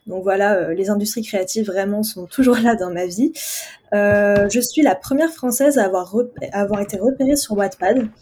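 A woman's voice: medium pitch, moderate pace, warm tone, slight background noise. A woman in her twenties from France, answering interview questions in a friendly way with hesitant fillers. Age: 20s. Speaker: author guest.

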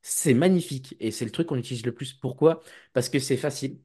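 A man chats loosely about his work in computer security. His voice sits at an ordinary middle pitch, and he wanders through restarts and quick mimicked exchanges. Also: warm tone, husky. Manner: rambling, with restarts and playful acted quotes. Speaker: IT and cybersecurity guest. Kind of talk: casual podcast chat.

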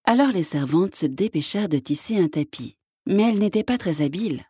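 Woman storybook reader, calm and clear, low dark voice, dry close sound. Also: fairly quick, no echo. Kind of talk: children's storybook narration.

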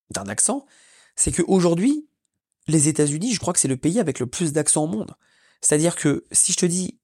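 A man's voice: on the high side, a little mellow, no room sound, studio quality. A French man hosting his own podcast, talking casually and energetically on his own with many fillers and restarts. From France. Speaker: podcast host. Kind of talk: casual solo podcast monologue. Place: lives in Orlando.

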